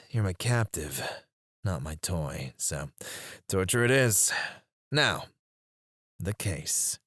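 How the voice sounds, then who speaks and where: In an ASMR roleplay, a man voices a menacing mercenary interrogator, taunting in a low voice close to the mic and sometimes dropping to a whisper. The heavily acted delivery has a breathy edge, with no echo.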